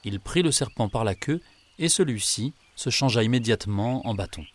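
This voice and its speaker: A man narrating a children's tale in a calm, measured way. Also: mid-range voice. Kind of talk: storybook narration.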